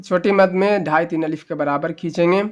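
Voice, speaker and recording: In a slightly high, steady voice, a man teaches the Quran through letter-by-letter spelling. Patiently laying out the reading rules, he takes syllables slowly and then draws each joined word out.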